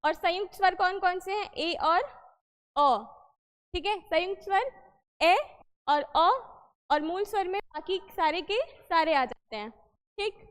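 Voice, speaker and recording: A woman's voice: extremely high pitch, unhurried, pauses often, long reverb tail. A woman teaching a Hindi lesson for exam preparation, explaining patiently, repeating points and quizzing the listener.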